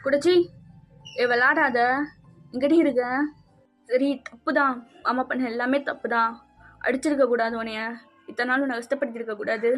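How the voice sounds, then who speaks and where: A woman's voice: a little high, steady tone, moderate pace, long pauses, a bit bright, natural voice. A woman voicing a remorseful young husband who anxiously searches for his wife and calls out to her. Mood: anxious, pleading. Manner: pleading, anxious calling out. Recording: slightly dull with faint music.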